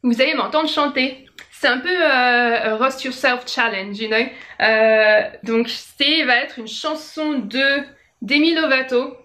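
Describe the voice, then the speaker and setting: A woman's voice: high-pitched, slow pace, pushed and bright. A young woman with a French accent, chatting casually in a vlog, hesitant with many fillers and self-corrections and a self-mocking humor. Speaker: vlogger. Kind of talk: casual vlog, reading aloud and singing.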